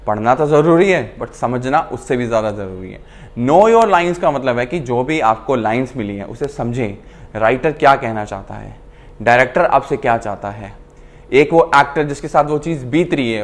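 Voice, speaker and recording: Man, acting coach, casual lesson to camera, slightly high voice, mixes in English. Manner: explains in Hindi mixed with English, with demonstrations.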